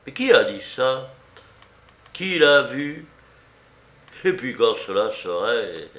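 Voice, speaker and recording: A man's voice: medium pitch, unhurried, fairly bright tone. A man voicing an earnest, loyal male friend in a read-aloud story, speaking in a pressing, serious way. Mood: indignant. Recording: roomy echo.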